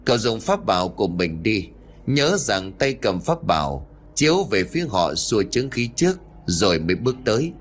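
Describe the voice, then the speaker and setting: A man voicing a steady, wise monk master. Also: on the low side. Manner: measured, instructive.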